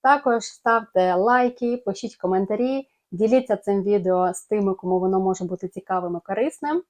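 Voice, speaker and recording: A woman's voice: mid-range voice, a little fast, darkish tone. A woman with a Ukrainian accent teaching pronunciation, carefully demonstrating sounds for listeners to repeat. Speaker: English teacher. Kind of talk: pronunciation lesson.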